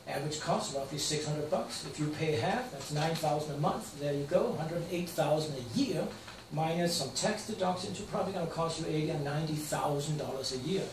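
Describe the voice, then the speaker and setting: A man's voice: on the high side, brisk. An older man from Denmark with a Danish accent, a financial advisor walking through slides in a plain, matter-of-fact way with some stumbles. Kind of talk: slide presentation. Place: small room with projector screen. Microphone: far camera. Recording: roomy, distant camera sound with faint hiss.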